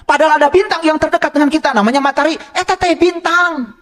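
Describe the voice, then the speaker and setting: A man's voice: extremely high pitch, fast, fairly bright tone. A man giving an interactive religious lecture, teasing and quizzing his audience. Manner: playful, quizzes and teases the audience, switches into local phrases. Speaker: religious teacher.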